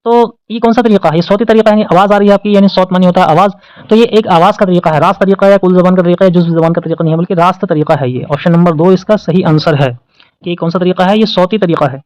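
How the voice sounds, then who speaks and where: Indian urdu guy going over test questions, higher voice, keeps asking then answering himself, dry close mic. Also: steady tone, darkish tone, dry recording, rough recording. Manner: repeats options, asks and answers own questions. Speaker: exam-prep teacher.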